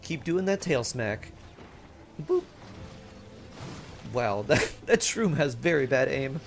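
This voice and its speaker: A man's voice: medium pitch, animated, slow, soft background music. A man streaming a game casually, thinking aloud and chatting to viewers, with playful sing-song sound effects.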